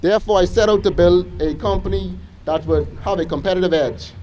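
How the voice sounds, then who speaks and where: A young man with a Bahamian accent giving an earnest motivational speech to students at a school assembly, measured and list-like with small restarts. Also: sits high, mellow, poor audio. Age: young adult.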